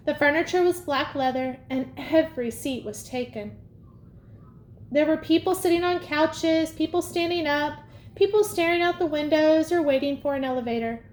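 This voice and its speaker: High-voiced woman reading a story aloud. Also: a little hiss or hum. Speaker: audiobook reader. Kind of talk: storybook narration. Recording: echoey room, faint ambience.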